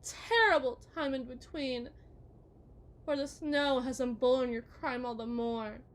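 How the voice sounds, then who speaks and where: Speaking a little slowly in a high pitch, the woman plays the lovesick, manipulative captor wife once more in a theatrical ASMR monologue, this time reproachful. Her delivery still lingers on words and moves from hushed to forceful, condescending throughout.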